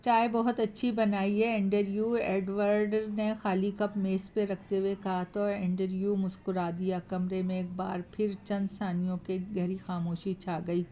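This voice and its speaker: A woman narrating a horror story in a steady, even reading manner. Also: mid-range voice, unhurried, few pauses, a little hiss or hum.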